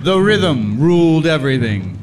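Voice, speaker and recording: Man as a solemn, slow-speaking former slave. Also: on the high side, big pitch swings, very noisy. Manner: solemn, brooding. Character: embittered enslaved man recounting his suffering. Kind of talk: scripted first-person dramatic narration. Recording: music behind.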